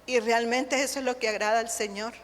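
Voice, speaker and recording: A Honduran woman preaches with earnest emphasis, her voice pitched high. She calls her listeners brothers and drives each point home. Her words trail off into a long reverb, as in a large hall. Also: steady tone, brisk, a little hiss or hum. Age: adult, married with a child. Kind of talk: sermon.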